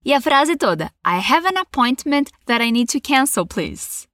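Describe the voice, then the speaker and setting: A Brazilian woman teaching English, saying model phrases slowly for learners to repeat and cheering them on with patience. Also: sits high, very animated, fairly bright tone, no echo. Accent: Brazilian Portuguese. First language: Portuguese. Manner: encouraging and patient. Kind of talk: bilingual English lesson with repetition drills.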